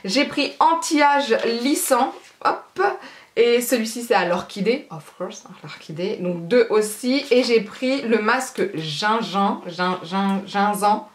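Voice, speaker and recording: A woman's voice: fairly high pitch, expressive, measured pace, roomy sound, slight background noise. A woman beauty vlogger in casual haul chat, chatty and rambling with a self-mocking humor.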